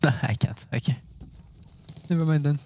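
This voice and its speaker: A man's voice: a little high, measured pace, a little mellow, breathy edge, dry recording, highs cut off. A man with a Quebec French accent chatting casually to his stream while playing, with frequent restarts and self-corrections. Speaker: gaming streamer. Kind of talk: casual live-stream commentary.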